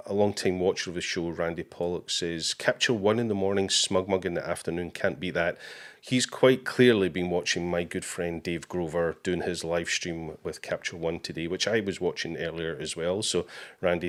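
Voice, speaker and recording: A man hosting a live interview show with a very low, deep voice. He talks casually, reading out viewer comments and greeting people, with relaxed "uh"s and "um"s between them. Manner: casual, reads viewer comments aloud with fillers. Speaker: host.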